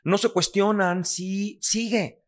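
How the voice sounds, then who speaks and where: A man's voice: high voice, steady tone, takes it slowly. A man with a Mexican accent, a podcast guest who speaks bluntly, swears freely and acts out other people's lines. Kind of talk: candid podcast conversation.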